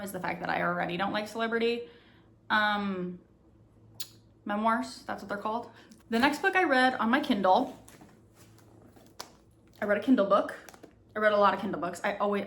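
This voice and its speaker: A woman's voice: medium pitch, a bit bright. A woman giving a casual, chatty book review in a conversational, informal way with slang and emphatic rephrasing. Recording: roomy echo, clear background noise.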